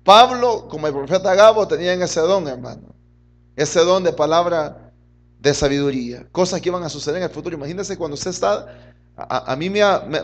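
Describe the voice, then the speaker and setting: Middle-aged male pastor, high voice, fervent sermon delivery with sharp loud-soft swings. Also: vocal fry. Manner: fervent, swings between loud and soft, often says "hermano".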